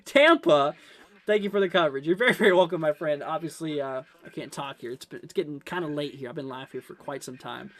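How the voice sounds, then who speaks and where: A man's voice: fairly high pitch, quick pace, few pauses. A man hosting a live severe weather stream, explaining things in a rambling, repetitive way as he answers his viewers. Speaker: weather livestream host. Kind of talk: live severe weather commentary, reading chat.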